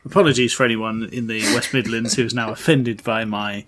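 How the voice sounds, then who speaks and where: A man's voice: medium pitch, fairly even intonation, a little fast, a bit bright. A man in his forties chatting casually as a co-host, self-deprecating and laughing at his own jokes. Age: 40s. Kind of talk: casual chat.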